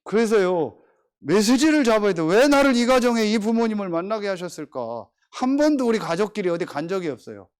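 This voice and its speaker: A middle-aged man preaching a sermon as pastor, swinging between emphatic, drawn-out declarations and chatty, joking asides about his family. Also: high-pitched, smooth. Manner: animated, emphatic preaching with drawn-out stressed phrases.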